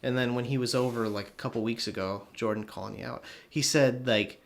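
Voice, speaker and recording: Male podcast co-host, mid pitch, animated and profane, casual banter. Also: a little fast, gravelly. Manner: animated, swearing, laughs often. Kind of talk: casual chat.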